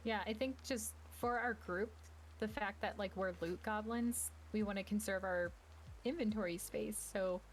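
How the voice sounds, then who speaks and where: A woman chats casually while playing a survival game with friends, explaining things with plenty of filler words. Her voice sits at a middle pitch. Steady rain noise runs clearly behind her. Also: a little slow. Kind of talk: casual gaming chat.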